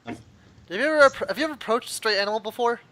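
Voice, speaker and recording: A man playing a tabletop game, excitable and joking. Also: extremely high pitch, very fast, a little hiss or hum. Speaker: player. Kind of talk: casual tabletop game chat.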